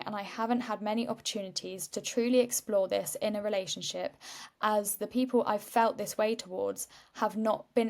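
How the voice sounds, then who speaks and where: A woman's voice: mid-range voice, vocal fry, a little mellow. A woman hosting a podcast, chatty and rambling, tired, laughing often. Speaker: podcast host. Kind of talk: casual chat.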